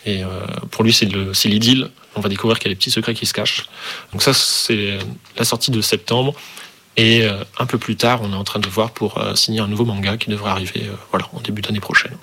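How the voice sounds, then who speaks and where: Bright-voiced man, halting and hesitant. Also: lowish voice, steady tone, breathy edge. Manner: hesitant, many fillers and restarts. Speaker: publisher and bookseller. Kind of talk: interview answers.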